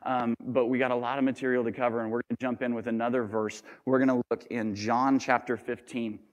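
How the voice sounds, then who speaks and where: A pastor in his thirties delivers a sermon with self-deprecating jokes and lively asides. His voice sits at an ordinary middle pitch for a man. The sound carries a long church-hall reverb. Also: fairly quick, dull audio. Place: church sanctuary.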